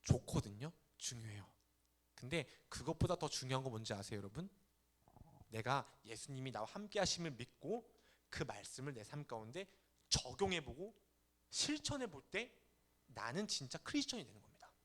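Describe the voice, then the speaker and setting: Lively young man preaching to teens. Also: medium pitch, normal speed. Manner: animated, acts out parents and teens in quoted voices. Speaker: youth pastor. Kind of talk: sermon to teenagers. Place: church sanctuary.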